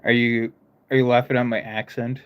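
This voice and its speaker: A young American man streams live with a medium-pitched, smooth voice, a flat delivery and a moderate pace. His accent mixes northern and southern features, and he rambles loosely with chat, often stopping to restart sentences.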